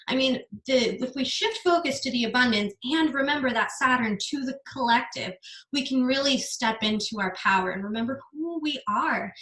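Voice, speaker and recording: A young woman giving a casual online business masterclass, earnest and energetic, now and then swearing. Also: fairly high pitch, reverberant, rough recording.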